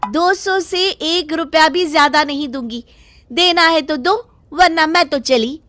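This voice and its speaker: A woman's voice: high-pitched, measured pace, fairly bright tone, dry recording, faint music behind, pitched above the performer's own voice. A woman voicing a naive but feisty young wife from a village in a cartoon story. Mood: indignant. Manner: indignant, bargaining. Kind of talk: cartoon voice acting.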